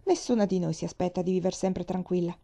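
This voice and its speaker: A woman's voice: lowish voice, quick pace, creaky, mellow. A woman reading the part of a forthright middle-aged navy wife, speaking emphatically, as if lecturing. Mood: arguing.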